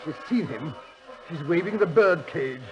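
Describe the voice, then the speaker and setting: An actor playing a bluff, loyal British gentleman doctor, blustery and exclamatory, in a 1940s radio drama. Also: fairly high pitch, expressive, a little slow, very noisy. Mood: excited, startled. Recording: dull old radio recording, busy background.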